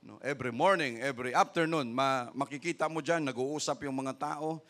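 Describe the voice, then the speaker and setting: Bright-voiced Filipino pastor preaching. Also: male voice, medium pitch, normal speed. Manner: swings from conversational asides to loud shouted praise, frequent "no?" tag. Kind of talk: sermon.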